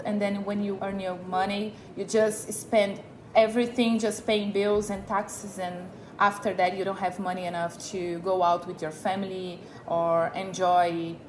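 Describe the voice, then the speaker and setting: Her medium-pitched voice comes through poor audio with slight background noise and music playing behind it. She's in her thirties, from Brazil with Portuguese as her first language and a Brazilian accent, sharing her own story casually in an interview.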